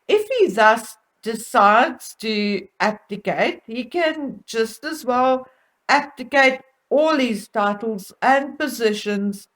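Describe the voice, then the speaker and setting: Female gossip commentator, higher-pitched, unhurried and deliberate, catty and arch. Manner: catty, mocking, arch asides. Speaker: host of a royal gossip commentary.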